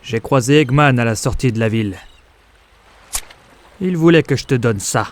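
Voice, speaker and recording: A man voicing a gruff, scrappy male echidna fighter in an amateur French game fan dub. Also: medium pitch, moderate pace, natural voice. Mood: matter-of-fact.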